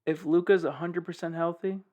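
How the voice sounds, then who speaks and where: Chill young guy on a sports podcast, laughs a lot, kinda high voice. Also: fairly even intonation, fairly quick, warm tone. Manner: laid-back, laughs often, cites stats. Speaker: podcast co-host. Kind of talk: casual sports chat.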